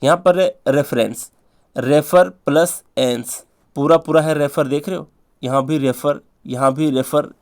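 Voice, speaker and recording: Sing-song Hindi-speaking spelling teacher, man. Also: on the high side. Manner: repetitive, sing-song drilling with quick asides. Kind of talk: spelling lesson for exam prep.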